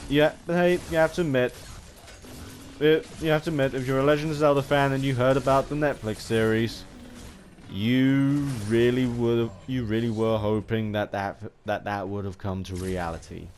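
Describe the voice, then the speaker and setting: A gaming vlogger gives rambling, casual commentary to his viewers with an earnest fan's enthusiasm, often stumbling and restarting his phrases. His voice is medium-pitched and darkish in tone, with fairly even intonation at a normal speed.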